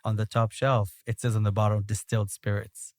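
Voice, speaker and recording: A man's voice: on the low side, flat delivery, a little fast, no room sound, clean studio sound. A man from Belgium with a Belgian accent, a rabbi talking as a podcast guest in a discursive way, often checking in with "right?". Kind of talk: reflective conversational interview.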